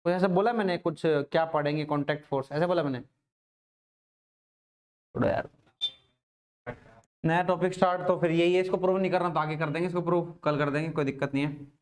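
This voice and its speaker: Male physics teacher with a raised voice pitch, informal lecture style, keeps quizzing the class. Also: fairly even intonation, brisk, long pauses. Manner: casual, repeats questions to the class.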